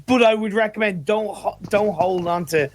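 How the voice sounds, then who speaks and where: Male esports caster, high voice, analytical and chatty, faint background noise. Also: moderate pace. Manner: analytical, conversational, tactical advice. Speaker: esports commentator. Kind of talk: live esports commentary.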